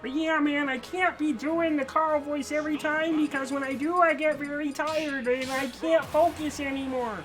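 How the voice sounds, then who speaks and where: Bright-voiced young male commentator. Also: very high voice, fairly even intonation, moderate pace, hardly any pauses, soft background music. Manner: joking, laughs often. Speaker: esports commentator. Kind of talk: casual tournament commentary.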